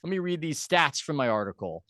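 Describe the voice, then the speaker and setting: Emphatic, higher-voiced male sports host. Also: sing-song, pushed and bright, dry recording, clean studio sound. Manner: argumentative, emphatic, speeds up and slows down. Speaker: show host. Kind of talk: opinionated sports commentary.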